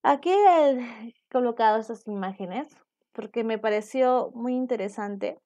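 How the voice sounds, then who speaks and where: A woman's voice: a little high, measured pace, warm tone. Woman teaching a virtual class. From Peru. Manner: explanatory, asks students for confirmation.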